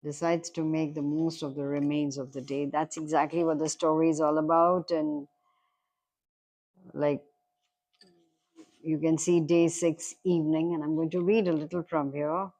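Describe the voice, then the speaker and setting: A woman with a notably low voice gives a book review. She retells the plot in a reflective, meandering way and stops now and then to read from the text. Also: level tone, moderate pace, dark tone.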